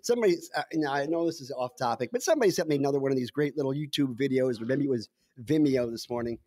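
A man's voice: mid-range voice, animated, racing, mellow, no room sound, clean studio sound. A man co-hosting a podcast as a scientist, wry and explanatory in casual chat over a video call. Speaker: scientist co-host.

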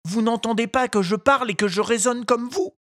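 A man's voice: brisk, a bit bright, dry recording, studio quality. A man voicing a small wooden puppet boy who sounds anxious and indignant. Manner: high, pleading, indignant.

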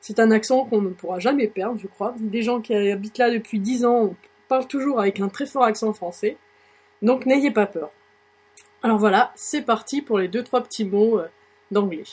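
A woman's voice: a little high, moderate pace, darkish tone, slightly rough. A woman with a French accent hosting a casual audio lesson, chatty and encouraging, with frequent hesitations. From France. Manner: chatty, many fillers, encouraging. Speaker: blog host teaching English phrases.

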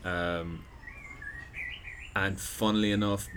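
A man's voice: low voice, fairly even intonation, slow. An Irish man in his thirties, a podcast guest chatting casually on an outdoor deck, rambling with restarts. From Ireland. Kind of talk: casual chat. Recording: noisy outdoor background.

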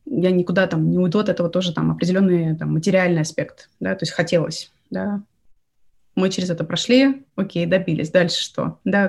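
A woman executive as an interview guest, speaking reflectively and haltingly with heavy use of fillers. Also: fairly low pitch, creaky, darkish tone. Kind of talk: casual interview chat.

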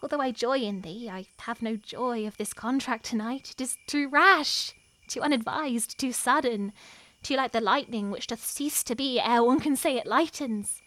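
A woman performing a lovestruck, wary young noblewoman in a Shakespearean scene, her delivery moving between hushed and impassioned. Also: fairly high pitch, moderate pace, lightly acted. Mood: longing. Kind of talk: Shakespearean stage acting.

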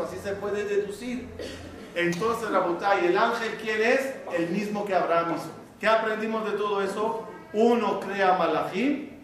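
A man's voice: high voice, a bit bright. A man teaching a religious class to a live audience as a rabbi, often questioning the listeners and then answering himself. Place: large hall with an audience. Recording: very echoey hall, mic far off.

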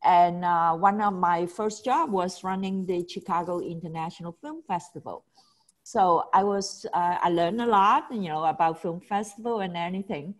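Speaking at a normal speed in a voice on the low side, this middle-aged Hong Kong woman appears as a guest in a casual interview. She founded a film festival and talks about it with enthusiasm, often restarting and laughing a little.

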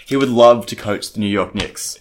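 A man co-hosting a casual sports podcast, talking with a dry, deadpan humour. He keeps an easy, conversational flow and slips in jokes without changing his tone. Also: on the low side, moderate pace, slight background noise. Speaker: podcast co-host. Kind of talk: casual chat.

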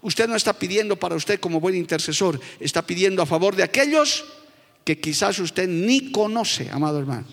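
A Bolivian man preaching a fervent sermon in a church hall, his voice high and gravelly. Long reverb trails each phrase through the hall. He keeps turning to the congregation as brother. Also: lively intonation, normal speed, a bit bright. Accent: Bolivian Spanish. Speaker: pastor.

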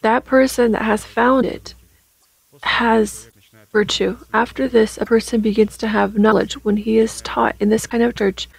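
A woman delivering formal prayer and sermon in a solemn, measured, reverent manner. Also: on the high side, little pitch movement, vocal fry, breathy edge, no room sound, low-quality recording.

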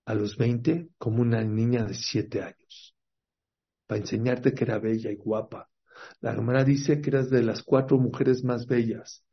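A man teaching a Torah class as a rabbi, telling stories lively and asking his listeners questions. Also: medium pitch, moderate pace, slightly rough. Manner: lively storyteller, acts out quotes, asks the audience questions. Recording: dull lo-fi recording.

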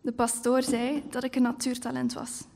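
Woman author, stage reading of her own prose, fairly high, mellow tone. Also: completely flat delivery, moderate pace, creaky. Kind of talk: live literary reading. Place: stage at a live event.

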